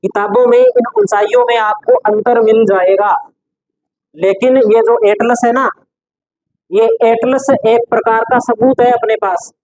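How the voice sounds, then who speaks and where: Male teacher dictating notes slowly. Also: very high voice, lively intonation, a little mellow, no room sound, poor audio. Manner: repeats key phrases slowly for note-taking. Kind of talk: classroom lecture dictating notes.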